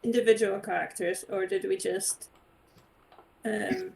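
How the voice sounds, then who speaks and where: A woman's voice: medium pitch, sing-song, unhurried, creaky, darkish tone. A woman playing in a tabletop game, chatting casually and laughing often. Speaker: player.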